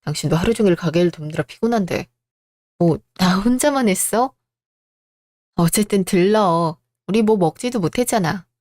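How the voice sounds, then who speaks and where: A woman voicing a gentle, supportive wife who soothes her husband. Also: mid-range voice, animated, normal speed, no room sound, lightly acted. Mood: caring. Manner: soft, soothing.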